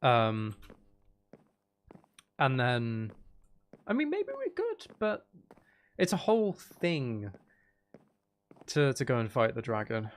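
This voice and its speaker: This video game livestreamer has a gravelly, medium-pitched voice. He rambles casually through live gameplay commentary, thinking out loud while chatting with his viewers.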